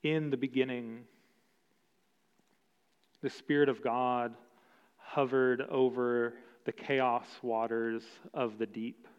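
A man preaching a sermon as pastor, slow and emphatic with long pauses. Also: mid-range voice, level tone, clean tone. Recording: dull sound with long hall reverb.

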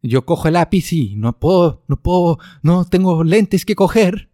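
A man's voice: medium pitch, animated, unhurried, darkish tone, no room sound, clean studio sound, lightly acted. A man putting on an exaggerated Spanish accent, playing a fed-up guy who can't see without glasses. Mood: whiny. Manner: exaggerated Spain-style put-on accent, calling everyone "tío". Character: man imitating a Spaniard complaining about glasses.

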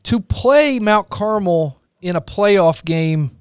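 Male podcast co-host, fairly high clear voice, informal emphatic sports chat, very dry sound. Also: expressive, slow, dry recording.

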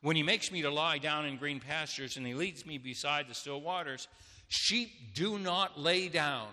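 A man's voice: on the high side, moderate pace, pushed and bright. An older man preaching a sermon as pastor, talking conversationally with homely stories. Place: church sanctuary. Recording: long church reverb.

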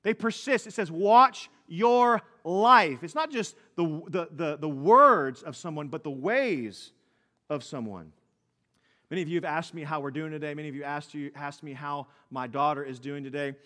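A man in his thirties preaching a sermon as pastor, earnest, going from loud emphasis to quiet tender asides. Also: fairly high pitch, animated, normal speed. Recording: long reverb of a hall.

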